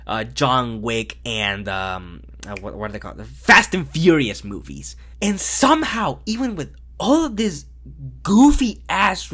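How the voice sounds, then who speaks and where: A man's voice: fairly high pitch, pushed and bright. A man giving a casual, blunt film review, exasperated and swearing freely.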